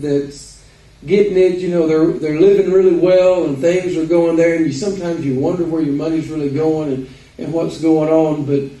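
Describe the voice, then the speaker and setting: A man with an Arkansas accent giving an informal, folksy sermon with halting pauses. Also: a little high, dark tone. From Arkansas, United States. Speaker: preacher. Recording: roomy echo, distant microphone.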